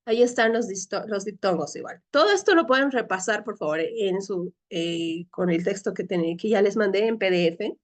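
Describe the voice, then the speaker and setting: A woman's voice: mid-range voice, expressive, moderate pace, hardly any pauses. A woman teacher leading a Greek class, explaining patiently step by step and often checking with her students. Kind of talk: online class lecture.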